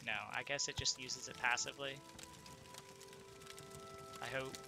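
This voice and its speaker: Over music, a let's play gamer with a stuffed-up, congested voice chats casually through his gameplay, thinking aloud and quizzing himself. His medium-pitched voice is gravelly, unhurried and completely flat.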